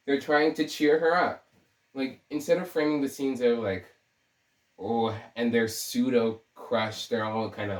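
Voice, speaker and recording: A young man with a sore throat giving scattered, joking commentary, often cutting himself off mid-thought. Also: medium pitch. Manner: scattered, self-interrupting, joking. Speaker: video essayist. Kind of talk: rambling casual commentary. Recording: roomy, distant from the mic.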